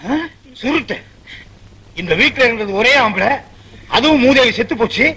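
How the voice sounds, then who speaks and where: A man's voice: very high voice, animated, normal speed, sharp tone, breathy edge, heavily acted, low-quality recording. An actor playing a hot-tempered, easily confused male office boss in a film comedy, firing back exasperated retorts. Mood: bantering. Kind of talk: Tamil film comedy dialogue. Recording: film soundtrack with background noise.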